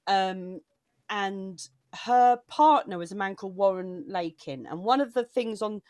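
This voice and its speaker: A woman's voice: medium pitch, measured pace, darkish tone, no echo, clean studio sound. A woman comedian chatting casually and emotionally, talking in digressive bursts with frequent restarts. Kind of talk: casual chat.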